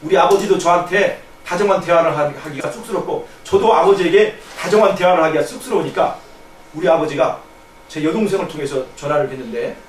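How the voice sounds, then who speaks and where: In a church hall, a man preaches a sermon and shares a personal testimony, telling it earnestly and swinging between a hush and a raised voice. His voice is on the high side and a little fast. A distant room mic on a live stream captures echoey church sound from afar, with faint noise.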